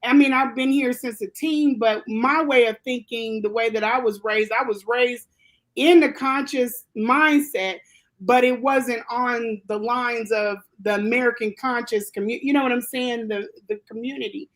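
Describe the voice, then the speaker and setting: A woman's voice: a little high, moderate pace. A woman who grew up in Germany, telling a personal story as an interview guest, rambling with many fillers and restarts.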